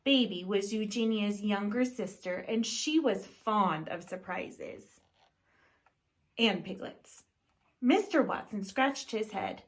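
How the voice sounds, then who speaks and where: A woman reads a picture book aloud to children, telling the story deliberately and stopping to ask her young listeners questions. Her voice is medium in pitch and animated.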